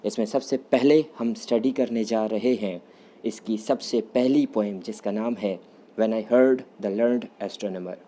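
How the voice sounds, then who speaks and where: A man teaching a vocabulary lesson, going slowly and repeating each point as he rephrases it in Urdu and English. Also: on the low side, warm tone. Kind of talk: classroom lesson explaining vocabulary.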